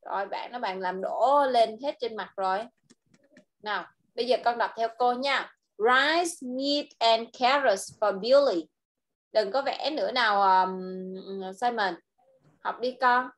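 A woman teacher speaks slowly and patiently, her voice a little high, coaxing a child to repeat short English phrases one at a time. She gently models each word and waits for him in a one-on-one lesson.

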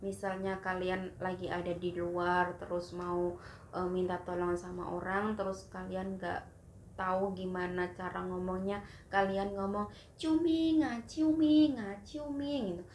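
A woman's voice: lowish voice, completely flat delivery, measured pace. A young woman vlogger explaining everyday phrases in a chatty, casual way, acting out short examples. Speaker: vlogger teaching Mandarin phrases. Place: in Taiwan. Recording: echoey room with faint background hiss.

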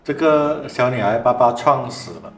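A man, a spiritual master co-host, calmly explaining and reacting in casual chat. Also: mid-range voice, normal speed, reverberant, faint music behind. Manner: calm, reacts with short interjections then explains.

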